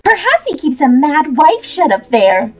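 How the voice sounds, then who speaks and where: A woman's voice: big pitch swings, measured pace, muffled recording. A woman doing an eager, outspoken young girl. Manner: eager and indignant, pitched up and louder than the narration.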